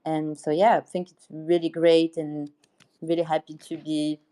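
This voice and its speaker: Upbeat woman guest, low even mellow voice, super enthusiastic. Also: normal speed. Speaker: guest, art curator. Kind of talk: casual chat.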